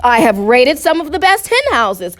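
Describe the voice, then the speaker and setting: A woman voices a vain, pompous male fox in a storybook, using a high, sing-song, slightly bright voice at normal speed. The character is boastful and easily flustered, speaking in wordy, indignant phrases with music playing behind.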